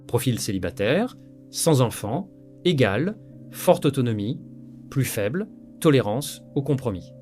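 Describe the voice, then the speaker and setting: A man narrates in clipped, terse statements that sound like rules, his pitch moving a lot. Faint guitar plays behind him. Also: big pitch swings, a little slow, darkish tone. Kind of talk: analytical voice-over. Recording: voice-over with faint guitar music.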